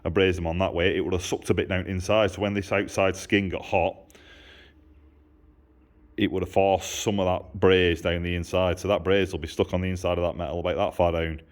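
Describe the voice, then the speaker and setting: A very deep-voiced motorcycle exhaust maker and mechanic films a casual, hands-on demonstration in his workshop on a handheld camera. His tone is level and fairly quick, and he explains informally step by step, repeating himself.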